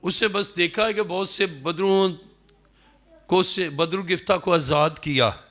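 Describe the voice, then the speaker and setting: A man with a Pakistani Urdu accent preaching a sermon, emphatic, acting out the words of people in the story with swings in pitch. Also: fairly bright tone. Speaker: pastor.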